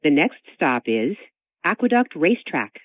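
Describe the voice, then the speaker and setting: A recorded train announcer making onboard stop announcements over the loudspeaker after a chime, in a measured, evenly paced delivery. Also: mid-range voice, sing-song, no echo. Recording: tinny, dry speaker sound.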